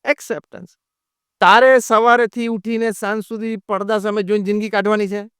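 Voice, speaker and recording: A man's voice: sits high, little pitch movement, brisk, fairly bright tone, clean tone, no echo, clean studio sound. A man giving a motivational sermon as a monk, mixing in English phrases and acting out quoted voices. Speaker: monk giving a religious talk.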